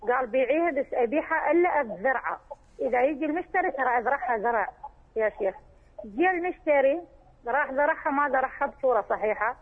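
This caller is a woman whose husky voice sits high and moves fast with plenty of expression. Over a tinny phone connection she earnestly pleads her questions to a religious scholar, often addressing him as sheikh.

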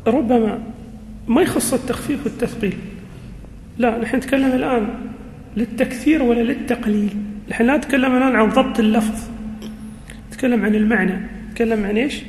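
Male teacher, very high voice, slow and deliberate, repeats key words, quizzes the class; long echoey hall reverb, faint background ambience. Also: a little mellow, slight background noise. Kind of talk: classroom lesson on Quranic grammar.

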